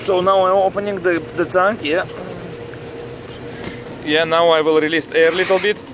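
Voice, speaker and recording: A man with a heavy Russian accent talks through a repair job in a fairly high voice. His phrasing is halting and repetitive, as he explains each step as a technician. It is recorded outdoors with clear background noise. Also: level tone. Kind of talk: hands-on repair demonstration. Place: outdoors on a commercial rooftop. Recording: noisy outdoor handheld recording, traffic ambience.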